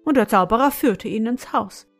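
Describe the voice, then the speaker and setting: A woman reading a fairy tale aloud in a measured, softly dramatic way. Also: on the high side, soft background music. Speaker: storyteller.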